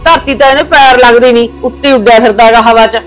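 An actress playing an older mother who scolds her daughter's in-laws in a village family drama, sharp and indignant. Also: a little high, fairly even intonation, fast talker, faint music behind, natural voice.

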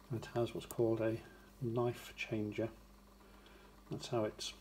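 A man with a slightly mellow, mid-range voice gives a hands-on demonstration of a vintage record player, moving step by step in short, plain phrases. He is indoors beside a wooden radiogram, and the recording carries clear background noise and mechanical clicks.

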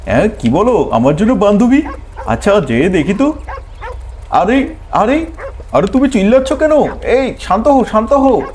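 A man plays a scrappy cartoon-style talking dog with a high voice, boastful and protective of his turf. Faint noise sits under the game audio. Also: very animated, moderate pace, pauses often, darkish tone.

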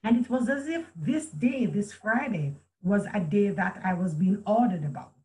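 A middle-aged woman with a dark, expressive mid-range voice tells a personal story at normal speed. She is an author joining a video call as a guest from a home room with a chandelier, and the webcam recording is rough. She speaks earnestly and reflectively, restarting often and quoting speech.

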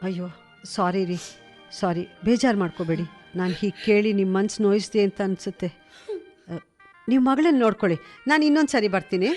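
A woman's voice: mid-range voice, brisk, darkish tone, lightly acted. A woman voicing a chatty middle-aged neighbour and new grandmother in a radio drama. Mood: apologetic. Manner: gossipy, gushing, exclaiming. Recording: radio drama with faint music.

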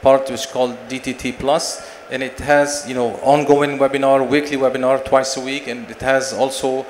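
A man in his forties, a company director, giving a conference sales pitch and answering questions with many fillers and restarts into a handheld mic. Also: level tone, moderate pace. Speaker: company managing director presenting. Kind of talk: conference presentation and Q&A. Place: large expo stage hall. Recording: long hall reverb, faint noise.

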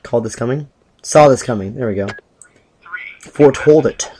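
A young man chatting excitedly over a game he is playing, rambling with filler words and sudden jumps in pitch. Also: normal speed, breathy edge. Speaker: gameplay commentator. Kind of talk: casual let's-play commentary.

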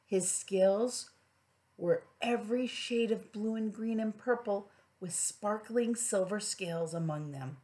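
A middle-aged woman with a medium-pitched voice reads a picture book to small children. She narrates like a preschool teacher and adds gentle questioning asides. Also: measured pace. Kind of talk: children's storybook read-aloud with asides.

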